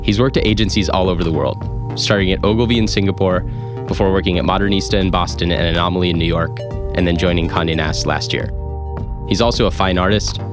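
A man hosting a podcast, reading a scripted introduction in a measured, unhurried way. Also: low voice. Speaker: podcast host. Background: music.

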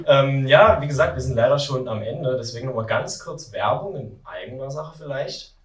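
A man's voice: mid-range voice, animated, moderate pace. Casual hesitant man hosting a live event. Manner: casual, hesitant, filler-heavy. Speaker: event host. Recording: echoey room, from far off, faint noise.

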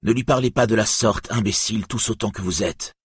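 Man playing a storybook warrior hero, commanding, raised husky voice, dry read. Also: lowish voice, brisk, no room sound. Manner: commanding, wrathful. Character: grim hero warrior, proud and wrathful.

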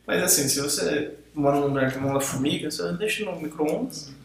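A man's voice: on the high side, a little fast, vocal fry, slight background noise. A man co-hosting a podcast, rambling through explanations and defending his opinions. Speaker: podcast co-host. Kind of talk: casual podcast banter. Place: podcast recording room. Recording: very echoey room.

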